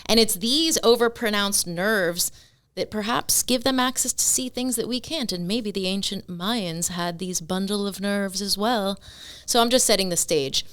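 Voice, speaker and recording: A woman's voice: mid-range voice, normal speed, a bit bright, clear, resonant tone. A young woman giving a playful mock lecture on a comedy podcast, often laughing through her lines. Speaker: guest presenter. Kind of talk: comedic podcast slideshow chat.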